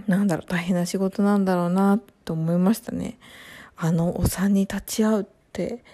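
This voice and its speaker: A woman talks casually to her viewers in a mellow, warm voice at an ordinary middle pitch. Her delivery is soft and rambling, with long run-on sentences full of fillers and pauses. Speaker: vlogger and new mother. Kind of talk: casual chat to camera.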